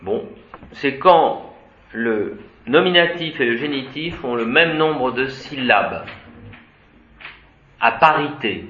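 A man's voice: medium pitch, animated, slow pace, long pauses, slight background noise. A man teaching a Latin class, reciting declensions methodically and adding short asides. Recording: dull, roomy classroom recording.

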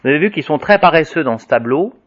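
A man's voice: on the high side, expressive, fast talker. A man teaching a Latin lesson, chanting the word forms aloud and explaining them between the chants. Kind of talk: lesson reciting declensions. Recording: dull lo-fi recording.

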